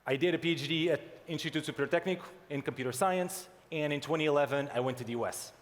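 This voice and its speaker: A man from Portugal giving a conference keynote talk in English, animated as he reads out mock headlines to the audience. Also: a little high, quick pace. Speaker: conference speaker. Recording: long hall reverb.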